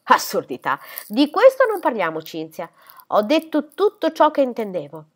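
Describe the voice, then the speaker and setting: A woman's voice: on the high side, huge pitch swings, normal speed, voice pushed up. A stern middle-aged father in a storybook reading, as a woman reader voices him. He is curt and dismissive, closing the matter firmly.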